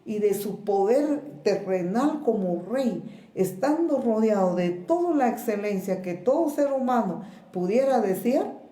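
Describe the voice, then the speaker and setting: Slow-preaching Guatemalan woman pastor. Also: a little high, lively intonation, dark tone, reverberant. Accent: Guatemalan Spanish. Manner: slow, measured preaching with pauses and repeated words. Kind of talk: sermon. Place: church.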